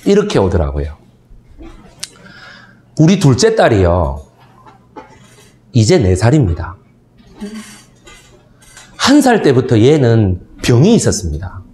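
A man's voice: mid-range voice, slow, pauses often, a little hiss or hum. A man in his thirties giving a history lecture to seniors. He tells stories and keeps asking the audience for agreement. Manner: animated storytelling, asks the audience for agreement. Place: lecture hall. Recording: echoey hall.

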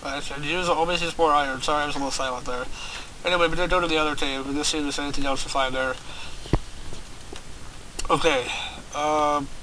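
Let's-play host, male, slightly high voice, loose and profane, lots of fillers, noisy recording. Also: fairly even intonation, rapid-fire. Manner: rambling, swears often, filler-heavy, talks to viewers. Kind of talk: casual gameplay commentary.

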